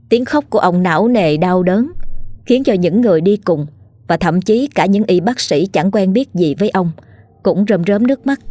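A woman narrating a scripted ghost story in a steady, measured way. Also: on the low side, no echo.

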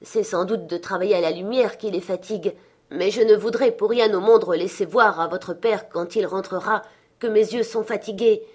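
A woman doing a grieving mother, gently brave. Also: medium pitch, normal speed, breathy edge, close to an everyday voice. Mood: tender, grieving. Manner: steady voice with a thin cheerfulness.

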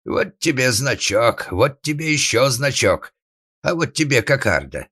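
Man voicing an old father, furious, bellowing, wailing laments, lively raised pitch, dry audiobook sound. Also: dry recording, heavily acted. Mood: raging. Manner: shouting, lamenting, drawn-out cries. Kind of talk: audiobook narration.

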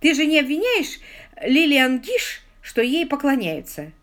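A woman's voice: a little high, very animated, moderate pace, pitched above the performer's own voice. A woman voicing a cheerful young actress who talks in a bubbly, coaxing way.

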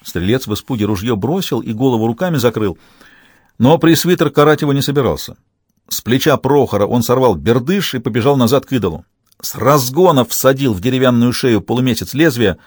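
A man reading an audiobook with steady storytelling narration. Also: mid-range voice, brisk, no echo, clean studio sound.

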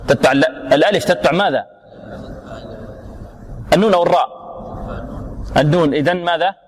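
A man teaching Quran recitation rules, slowly repeating syllables and quizzing his students. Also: a little high. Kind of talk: tajweed lesson with students.

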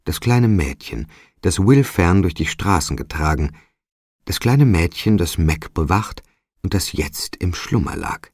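Slow, deep-voiced male storybook narrator. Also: expressive, darkish tone, breathy edge, dry recording, studio quality. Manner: measured, dramatic storytelling. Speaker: audiobook narrator. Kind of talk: scripted literary narration.

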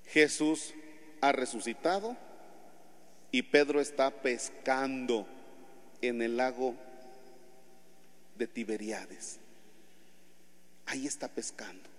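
A priest with a Mexican Spanish accent preaching a homily in a church, telling stories with lively acted-out scenes. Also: male voice, mid-range voice, takes it slowly, long pauses. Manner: animated storytelling, acts out scenes. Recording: long church reverb.

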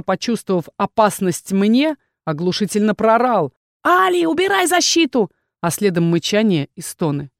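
A woman's voice: mid-range voice, a little mellow, no echo, studio quality. Woman narrating a fantasy audiobook. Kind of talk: first-person audiobook narration.

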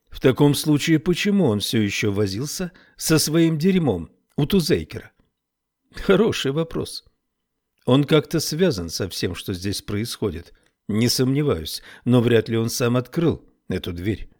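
A man reads an audiobook in scripted narration, his delivery measured and even. His voice is medium in pitch.

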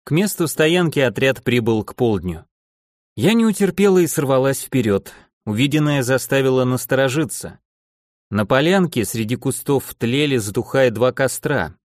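A man narrating an audiobook in an expressive storytelling manner on a close studio mic. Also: mid-range voice, normal speed, no echo.

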